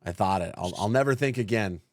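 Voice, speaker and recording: A man's voice: on the low side, a little fast, dry recording. A man co-hosting a podcast, chatting about films with wry, joking quips. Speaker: podcast co-host. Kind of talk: casual film discussion.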